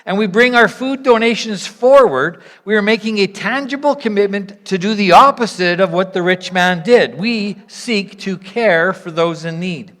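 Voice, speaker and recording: At a moderate pace with few pauses, a church leader speaks in a medium-pitched, slightly bright voice, encouraging and inviting the congregation while explaining instructions and offering reflection. The church gathering is held in a large reverberant room, and the audio has hall echo.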